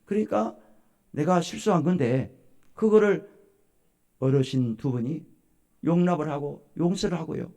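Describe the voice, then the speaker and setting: A man's voice: on the high side, measured pace, long pauses. A male pastor giving a sermon at a church service, telling stories and asking questions of the congregation. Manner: animated storytelling, questions to the congregation.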